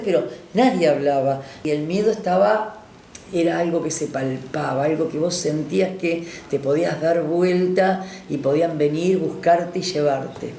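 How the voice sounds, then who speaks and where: This woman, an Argentine doctor in her sixties, has a low, mellow voice and a Rioplatense Spanish accent. She recalls her past for an oral history interview, reflecting with hesitations and tag questions, and the roomy recording carries faint noise.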